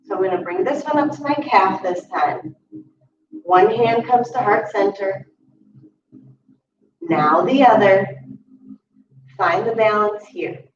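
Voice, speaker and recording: A young adult woman guiding a chair yoga class, calmly cueing each step and slowing down to hold the poses. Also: medium pitch. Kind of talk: guided exercise instruction. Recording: distant, roomy, dull audio with steady background noise.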